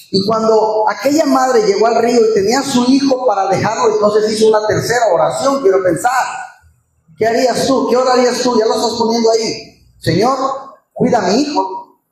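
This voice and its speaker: A pastor preaches a sermon in a high, slightly mellow voice, telling a story with feeling and asking the congregation rhetorical questions. The church is very echoey, with faint room noise.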